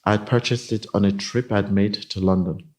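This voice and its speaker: Man, 50s, from Nigeria, executive guest, low voice, measured. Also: steady tone, a little mellow. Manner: measured, explanatory. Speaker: guest, company CIO. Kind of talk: casual interview.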